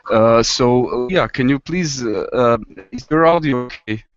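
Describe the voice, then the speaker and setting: A man hosting an online webinar, introducing guests in a halting manner that stumbles over words. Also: medium pitch, no room sound. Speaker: host. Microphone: video call. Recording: dull, dry online call audio.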